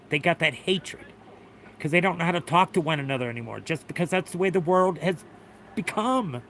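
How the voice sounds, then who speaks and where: Bright-voiced man pleading on a livestream. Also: a little high, a little hiss or hum. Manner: earnest, repetitive, swears often. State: tearful. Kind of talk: emotional livestream talk.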